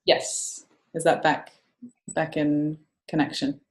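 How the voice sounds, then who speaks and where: A woman's voice: low voice, level tone, slow pace, darkish tone, low-quality recording. A woman asking questions over a video call while the internet connection breaks up and drops out; she sounds tentative, apologetic and rephrases herself. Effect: choppy internet call dropping out.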